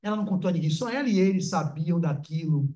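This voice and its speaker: Male spiritist lecturer, high voice, animated and theatrical storytelling. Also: fast. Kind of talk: lecture with dramatized personal story. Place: spiritist center meeting hall.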